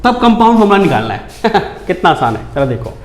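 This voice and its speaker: A high-pitched man lectures on chemistry at a brisk pace, coaxing his students and quizzing them as he goes. His voice rings out in an echoey room. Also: very animated. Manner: brisk, coaxing, repeatedly asks students questions. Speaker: chemistry teacher.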